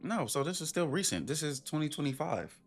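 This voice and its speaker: A man streaming, reacting to a video with animated, profane, rhetorical ranting in casual commentary. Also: on the high side, brisk, faint music behind.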